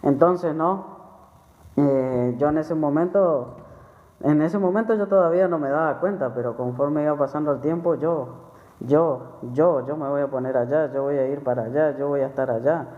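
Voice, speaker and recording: A man's voice: a little high, moderate pace. Guy preaching a testimony, keeps repeating himself, tinny phone-like audio with long reverb. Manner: conversational, repeats phrases, frequent tag questions. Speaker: church member preaching. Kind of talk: sermon testimony.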